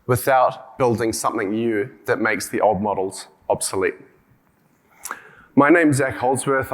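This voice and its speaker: Male conference speaker, broad Kiwi accent, mid-pitched, informal and halting, with repeated words and restarts. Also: fairly bright tone. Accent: broad New Zealand (Kiwi). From New Zealand. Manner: hesitant, often repeating words and circling back with hedges. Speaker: conference speaker, company co-founder and CEO.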